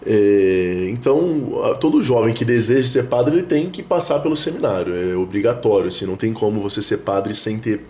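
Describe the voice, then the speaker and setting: A priest, talking reflectively in a casual interview, with many fillers and restarts. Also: male voice, lowish voice, expressive, normal speed, few pauses, a little mellow. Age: 30s. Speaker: priest, guest. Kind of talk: casual conversation.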